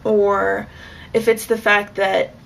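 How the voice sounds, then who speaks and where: A woman's voice: medium pitch, level tone, slow pace, gravelly, fairly bright tone, a little hiss or hum. A young adult woman talking frankly and chattily in a casual vlog monologue. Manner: frank, chatty, with bursts of laughter. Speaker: vlogger.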